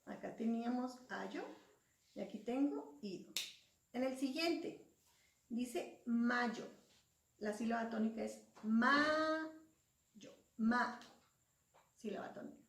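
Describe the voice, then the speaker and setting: A woman teacher with a gravelly, high-leaning voice patiently explains a lesson slowly, spelling out syllables and letters one at a time. The room is echoey and she sounds far from the mic.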